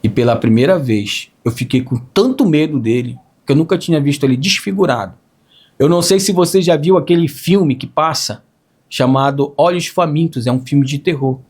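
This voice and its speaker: Hoarse man, slightly high voice, earnest testimony storyteller. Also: normal speed, darkish tone. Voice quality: hoarse, raspy. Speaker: testimony speaker. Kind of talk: emotional faith testimony.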